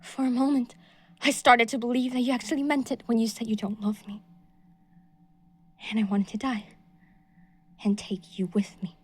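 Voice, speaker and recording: A woman portrays a delusional young stalker in an audio roleplay, her possessive character moving from soft, breathy whispers into shrill outbursts. Her delivery is flat at a moderate pace with long pauses, setting an obsessive, menacing mood.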